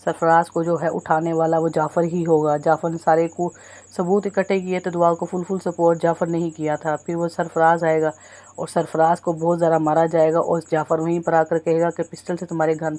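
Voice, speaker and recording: A woman's voice: sits low, completely flat delivery, dark tone. A woman casually recapping a TV drama's plot for viewers, talking to them as friends and often correcting herself mid-sentence. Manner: retells plot at length, addresses viewers as friends, frequent self-corrections. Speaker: TV drama reviewer.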